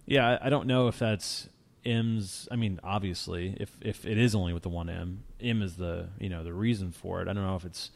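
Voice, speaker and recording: A man with a low, gravelly voice chats easily as a show host. He rambles through his stories and often restarts his sentences. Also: brisk. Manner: relaxed, rambling storyteller with many restarts. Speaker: podcast host. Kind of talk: casual car chat.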